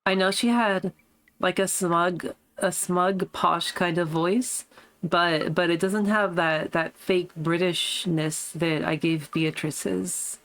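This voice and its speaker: A woman streamer chatting casually with her viewers during a live game stream, swearing freely and thinking out loud. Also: fairly low pitch, fairly even intonation, slow, poor audio.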